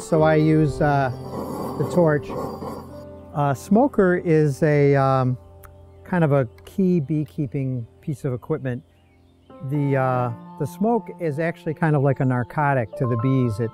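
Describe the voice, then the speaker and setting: Out in a backyard, an amateur beekeeper in his sixties from upstate New York explains his hives casually while he works. He talks in a relaxed, halting way full of fillers, with a slightly high voice.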